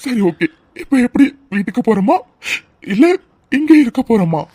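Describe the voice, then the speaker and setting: A woman's voice: fairly high pitch, animated, normal speed, dark tone, slightly rough, dry recording. A woman voicing a loving, protective young husband in a cartoon drama, pleading and emotional. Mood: tearful tender. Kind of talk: tearful cartoon drama voice acting.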